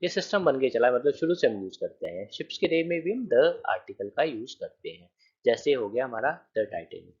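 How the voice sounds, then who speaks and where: Lively husky male grammar teacher. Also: medium pitch, fairly quick, highs cut off. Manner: explains with repeated checks and counted examples. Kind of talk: grammar lecture.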